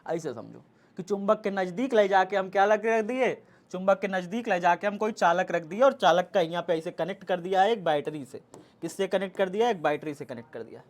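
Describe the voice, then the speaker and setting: A young man lecturing a physics class. His voice sits high for a man. He repeats each step and coaxes the students along. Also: animated, fairly quick. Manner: repetitive, coaxing, urging students to hurry. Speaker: physics teacher.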